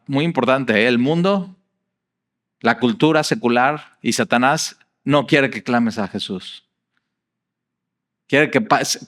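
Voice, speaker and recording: A middle-aged man with a Mexican accent preaching a sermon in a conversational, animated storytelling way, with frequent fillers. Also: mid-range voice. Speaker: pastor.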